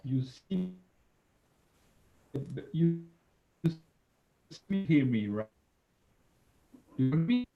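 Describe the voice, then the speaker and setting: A man presenting over a video call, his audio glitchy and cutting out, speaking in halting, broken-up phrases. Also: a little high, lively intonation, gravelly, dull audio, soft background music. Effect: choppy audio that keeps cutting out over a video call. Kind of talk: live demo presentation. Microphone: computer or phone on a video call.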